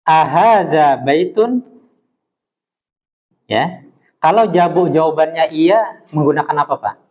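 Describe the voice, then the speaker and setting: A man teaching an Arabic class, patiently modelling pronunciation slowly for his students. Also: fairly high pitch, dull audio. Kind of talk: classroom lesson.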